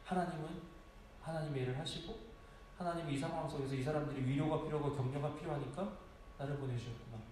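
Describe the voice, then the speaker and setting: A man's voice: fairly high pitch, fairly even intonation, fast, darkish tone, a little hiss or hum. A middle-aged male pastor preaching a sermon in a conversational, storytelling way, asking rhetorical questions. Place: large echoey church sanctuary. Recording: very echoey hall from a distance.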